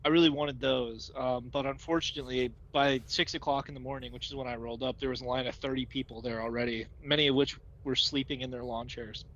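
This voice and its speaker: A man's voice: mid-range voice, fairly even intonation, quick pace, few pauses, a bit bright, highs cut off. A man co-hosting a casual podcast, trading laid-back, joking banter. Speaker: podcast co-host and editor.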